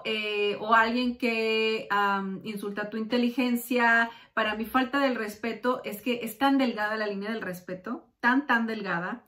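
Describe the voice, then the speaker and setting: Tarot reader, woman, fairly high voice, warm and chatty, bursts into lively quoted voices. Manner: warm, chatty, calls the listener "corazón"; acts out quotes with quick pitch jumps. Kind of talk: tarot reading monologue.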